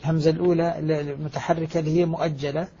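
A man's voice: fairly high pitch, flat delivery, rapid-fire, dark tone, slightly rough. A middle-aged man, a scholar explaining recitation rules, stressing quoted words emphatically. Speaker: Quranic recitation scholar teaching. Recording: muffled lo-fi audio.

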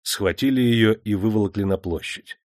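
A man reading an audiobook in a measured, dramatic storytelling manner. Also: on the low side, a little mellow, dry recording, clean studio sound. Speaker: audiobook narrator. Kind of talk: scripted narration.

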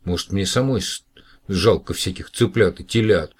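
A man reading aloud and voicing a lively, exclaiming young woman in a children's story. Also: low-pitched, moderate pace, slightly rough. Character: young woman computer operator, emotional.

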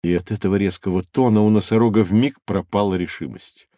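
A man's voice: fairly low pitch, fairly quick, mellow, no room sound, clean studio sound. A man narrating a children's audio drama.

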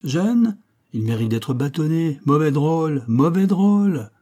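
A man voicing a sardonic middle-aged clergyman with a nasal, abrupt, mockingly solemn delivery, pitched a little above his own reading voice. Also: normal speed, warm tone, close to an everyday voice. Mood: stern.

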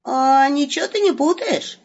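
A woman reading an audiobook and voicing a blunt, quick-tempered young man known as the Wolf. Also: high-pitched, expressive, vocal fry, darkish tone, voice pushed up. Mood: gruff. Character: blunt, grumpy young male companion called the Wolf. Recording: muffled lo-fi recording.

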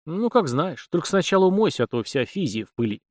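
A man voicing a dry, gruff garrison commander in a storybook reading, teasing in a clipped way. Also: on the high side, sing-song, fast talker, no echo, voice pushed up.

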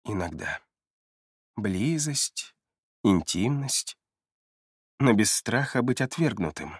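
A man's voice: lowish voice, lively intonation, slow pace, husky, no room sound, heavily acted. Guarded middle-aged male detective, terse and subdued, as the narrator plays him; dry, close read.

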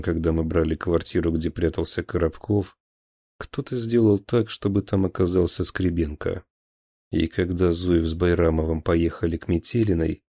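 A man's voice: low-pitched, dark tone, no room sound. A man reading an audiobook voices a blunt young male detective who insists on his claims.

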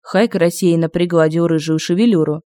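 A man narrating an audiobook in a lively, expressive reading. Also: a little high, normal speed, no echo, studio quality.

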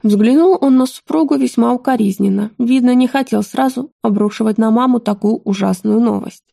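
A woman narrating an audiobook with a mellow, warm timbre. Her reading is even and measured, recorded close and dry with no room echo. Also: fairly high pitch, vocal fry. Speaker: audiobook reader.

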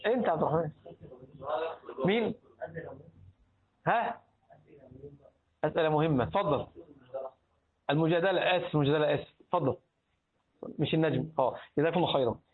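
Egyptian male religious teacher, high voice, quizzes students through the lesson; tinny, phone-like recording. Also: a little fast, pauses often. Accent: Egyptian Arabic. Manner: questioning students, prompting answers. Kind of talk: classroom lesson on creed.

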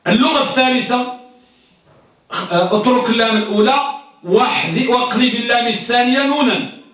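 A man's voice: very high-pitched, brisk, fairly bright tone, recorded from a distance. A man teaching a grammar class, quizzing his students and repeating each point until it sticks. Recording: echoey classroom recorded from afar.

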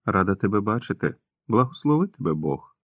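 Ancient devout old woman, voiced by a man, hoarse soft whisper, slow blessing tone, deep voice, dry close sound. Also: sing-song, no echo, full character voice. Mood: welcoming. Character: 108-year-old devout woman, gentle, welcoming.

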